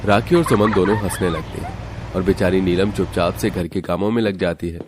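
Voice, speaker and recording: A man narrating an animated family story in a steady, scripted storytelling delivery. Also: low-pitched, fairly quick, noisy background.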